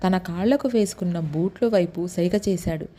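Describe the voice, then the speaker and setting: Storyteller, woman, Telugu accent, deep mellow tone, steady narration, a little low. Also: normal speed. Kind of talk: first-person story narration.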